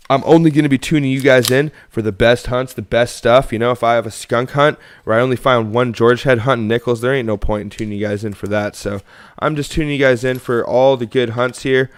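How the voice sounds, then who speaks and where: A man's voice: mid-range voice, clean tone. A young man from Canada hosting a coin roll hunting livestream, chatting casually and rambling to viewers as he sorts coins. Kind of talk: casual live-stream chat while sorting coins.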